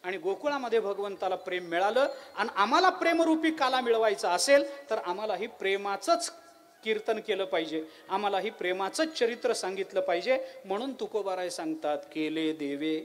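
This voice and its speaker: पुरुष कीर्तनकार, प्रश्न विचारत कथा सांगणारा, मधूनच अभंग गाणारा. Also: male voice, high-pitched, fairly quick, soft background music. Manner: animated storytelling, rhetorical questions, chanted verses. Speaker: kirtan preacher. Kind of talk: devotional kirtan sermon.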